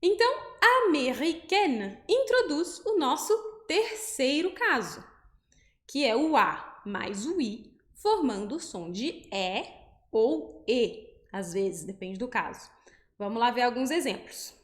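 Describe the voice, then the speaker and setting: A Brazilian woman teaching French pronunciation, explaining patiently step by step and saying each example word slowly. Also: on the high side, sing-song, reverberant. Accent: Brazilian Portuguese. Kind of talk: pronunciation lesson.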